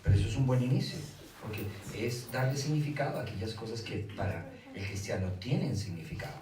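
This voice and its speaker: A man's voice: medium pitch, fairly quick, a crowd in the background. Colombian man lecturing in echoey room. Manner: animated, asks rhetorical questions, acts out dialogue. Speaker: speaker on children's faith. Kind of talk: lecture to a live audience. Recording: echoey room from far off, faint hiss.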